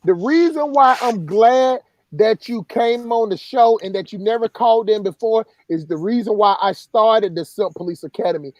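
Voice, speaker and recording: A man's voice: high voice, normal speed, few pauses, a little mellow, no echo, highs cut off. A man hosting a casual live stream, rambling with many restarts. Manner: rambling, many restarts and "you know what I'm saying".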